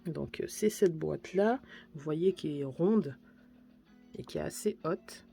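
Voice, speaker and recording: A woman's voice: low-pitched, measured pace, gravelly, dark tone, soft background music. A woman vlogger chatting casually through a shopping haul, gushing about each purchase. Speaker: beauty and lifestyle vlogger.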